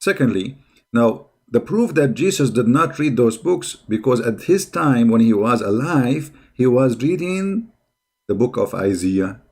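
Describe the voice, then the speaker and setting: His mid-range voice is animated yet a little slow, a little mellow, with a breathy edge. The sarcastic, combative host of a religious debate channel, a non-native English speaker, he delivers reaction commentary as mocking polemic and keeps repeating rhetorical questions.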